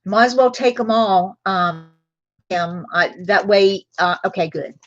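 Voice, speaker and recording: Lady doing a live bead sale, slow easy talk, dry slightly dull sound. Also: mid-range voice, no room sound. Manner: chatty, drifts into personal stories between items. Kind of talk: casual live-stream selling chat.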